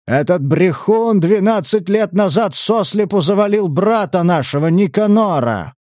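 A man's voice: high voice, expressive, unhurried, darkish tone, no room sound, clean studio sound, pitched above the performer's own voice. A man voicing a coarse, indignant middle-aged male abbot in an audiobook.

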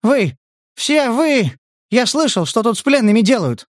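A man voicing a frightened, tearful young male captive who shouts in panic. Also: very high voice, very animated, unhurried, no room sound, studio quality, voice pushed up, full character voice. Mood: panicked tearful. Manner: shouting, near hysterical.

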